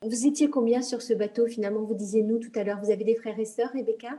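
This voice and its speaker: A woman's voice: a little high, steady tone, fast talker, warm tone. A woman hosting an interview podcast, asking polite, formal questions. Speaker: podcast host.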